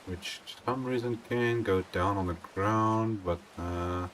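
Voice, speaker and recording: Man, very low voice, casual stream commentary, rambling, restarts a lot. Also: a bit bright, a little hiss or hum. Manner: rambling, thinks aloud, halting restarts. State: out of breath. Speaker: gaming live streamer.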